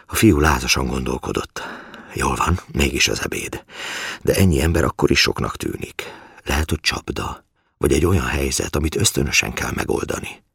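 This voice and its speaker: Very deep gravelly male narrator. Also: animated, a bit bright, no echo, studio quality. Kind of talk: audiobook narration.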